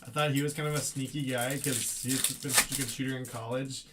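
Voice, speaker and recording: A man hosting a live card break with casual, slangy, excitable sports-fan chatter. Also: mid-range voice, fairly quick. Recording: clearly noisy, clicking and rustling.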